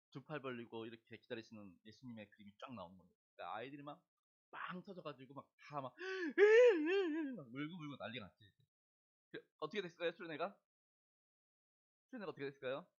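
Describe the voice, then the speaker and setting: A man's voice: medium pitch, fairly bright tone, highs cut off. A middle-aged man preaching a sermon in a church, telling stories, acting out the voices in them and asking the congregation questions. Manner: storytelling, acting out voices in quoted dialogue. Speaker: pastor. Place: church sanctuary.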